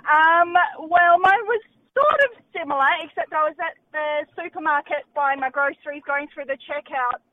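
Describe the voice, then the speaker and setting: A woman calling in to a radio show, telling a story in a hesitant but animated way. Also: sits high, normal speed, narrow, tinny audio. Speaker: caller. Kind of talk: phone-in anecdote.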